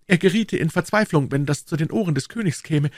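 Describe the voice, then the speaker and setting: A man's voice: on the high side, animated, a little fast, no room sound, studio quality, voice pushed up. A man voicing a polished, courteous young musketeer in an audiobook, in a lofty manner. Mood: pleading.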